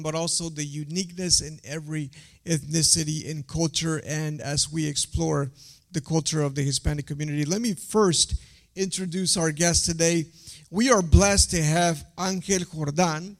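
A young man hosting an interview, his voice sitting fairly high but with a gravelly, creaky edge. He moves through guest introductions with plenty of small hesitations and fillers. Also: fairly even intonation, normal speed. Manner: reads introductions with frequent uh fillers. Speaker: host.

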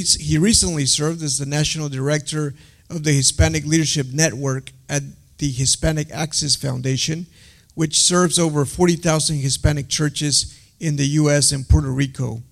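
A young man hosting a panel interview, reading guest introductions with frequent filler pauses. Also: fairly high pitch, gravelly. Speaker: host.

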